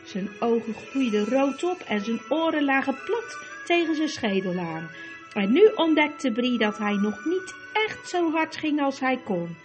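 A woman reading a storybook aloud in a measured way. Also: high-pitched, very animated, soft background music. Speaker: audiobook narrator. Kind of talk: storybook narration.

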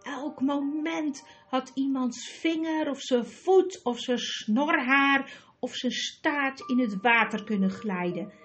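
A woman's voice: high voice, takes it slowly, a bit bright, faint music behind, pitched above the performer's own voice. A woman doing a gallant talking mouse. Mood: eager. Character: brave chivalrous talking male mouse.

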